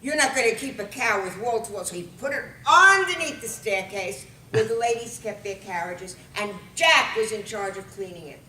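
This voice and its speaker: A woman telling a comic story, animated and lively, with bursts of loud exclamation. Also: medium pitch, moderate pace, hardly any pauses, a little hiss or hum. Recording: roomy and far from the mic.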